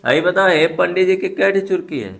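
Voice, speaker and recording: A man's voice: sits high, expressive, moderate pace, gravelly, fairly bright tone. A man teaching a maths class, walking students through each step and checking they follow, in colloquial speech with a few dialect words.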